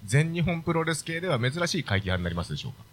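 A man hosting a live podcast recording, briskly moving the program along. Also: a little high, big pitch swings, slight background noise. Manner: brisk emcee, moves things along. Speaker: podcast host. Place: live event venue.

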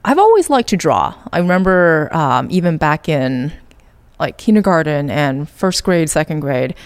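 Low, gravelly-voiced woman from Taiwan. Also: sing-song, moderate pace. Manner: thoughtful, many "like" fillers. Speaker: guest artist. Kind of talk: reflective interview talk.

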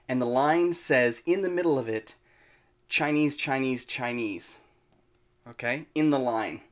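Halting man co-hosting a film podcast. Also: mid-range voice. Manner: halting, repeats words. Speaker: podcast co-host. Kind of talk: casual chat.

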